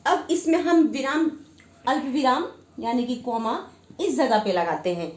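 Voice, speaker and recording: High-voiced woman teaching in an echoey room. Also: a little mellow. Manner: explains slowly with many repetitions. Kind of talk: Hindi grammar lesson.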